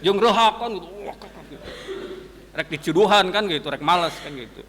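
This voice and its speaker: Animated Sundanese preacher in an echoing hall. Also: male voice, high-pitched. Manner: animated storytelling, mixing casual asides and quick sound words. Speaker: religious teacher. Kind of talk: dawn sermon to students. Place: mosque hall.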